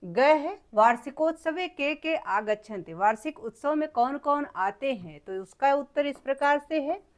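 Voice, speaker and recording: A woman's voice: sits high, expressive, measured pace. A woman teacher explaining a school textbook lesson patiently, repeating each word with its meaning.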